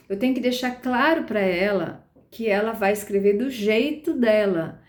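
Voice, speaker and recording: A woman's voice: fairly high pitch, reverberant. A woman teaching a class on early literacy, explaining step by step with patient, frequent check-ins to her listeners. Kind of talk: explanatory lecture.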